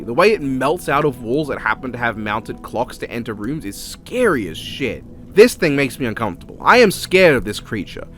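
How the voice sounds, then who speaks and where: Soft music runs under the narration as an Australian video reviewer shares casual, opinionated takes, swearing plenty along the way. His voice sits a little high and moves around in an animated way.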